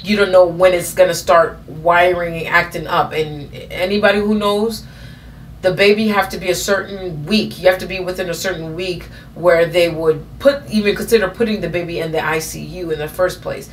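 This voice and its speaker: Woman, 30s, casual storytime vlog, rambling, lots of fillers, slightly low voice, faint background noise. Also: steady tone, moderate pace. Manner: rambling, frequent fillers and self-corrections. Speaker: vlogger.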